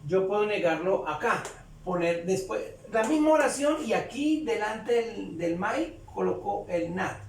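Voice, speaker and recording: A man teaching English grammar in Spanish, explaining slowly and repeating phrases as he writes on a board. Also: high voice, expressive, creaky, far from the mic, a little hiss or hum. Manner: slow, repeats phrases while writing. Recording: echoey room, voice away from mic.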